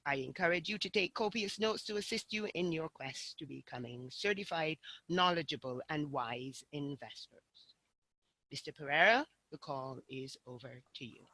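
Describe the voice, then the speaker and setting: A woman from Barbados, hosting an online call in a formal, measured way. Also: low-pitched, bright, forceful tone, no echo, rough recording. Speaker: host.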